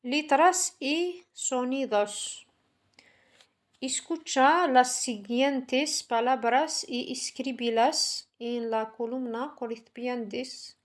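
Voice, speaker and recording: Slow woman teacher reading word lists. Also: on the high side. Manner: reads word lists slowly, explains in French. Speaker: Spanish teacher. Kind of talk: slow classroom vocabulary reading.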